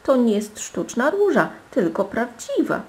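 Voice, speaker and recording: A woman voicing a spoiled, haughty young princess in a storybook reading, with petulant, shrill exclamations. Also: sing-song, normal speed, a little mellow. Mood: disgusted.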